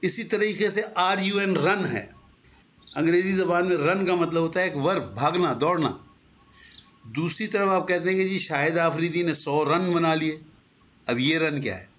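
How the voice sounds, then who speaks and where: A man lectures to a class, walking through his points patiently and posing questions to his listeners. His voice sits a little high, and the recording is dull and lo-fi. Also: fairly bright tone. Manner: explanatory, asks rhetorical questions. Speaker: teacher.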